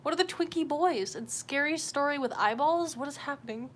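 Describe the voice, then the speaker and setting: She has a high, fairly bright voice and a brisk delivery. As host of a livestream, she draws and chats informally, cursing and making self-deprecating remarks. The clip is clear but carries background noise and the sound of the room.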